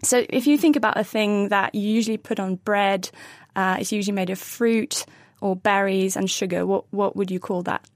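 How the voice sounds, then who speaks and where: A woman from Norway whose first language is Norwegian talks through a science question on a radio panel. She explains patiently, pausing to find words, in a middle-pitched voice. The studio sound is dry and close. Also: steady tone, dry recording. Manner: thoughtful, explanatory, searches for words. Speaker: neuroscientist panelist.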